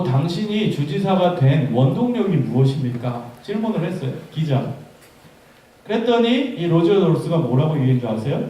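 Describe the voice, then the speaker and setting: A man preaching a lively youth sermon as a pastor, joking with the congregation. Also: on the high side. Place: church hall. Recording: echoey hall recorded from far off.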